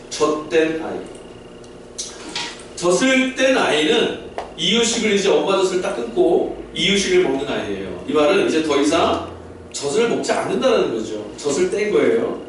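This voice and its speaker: A man's voice: high-pitched, a little hiss or hum. A male pastor preaching a sermon to a mixed-age congregation, explaining things and asking them questions. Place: church sanctuary. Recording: very echoey hall, distant mic.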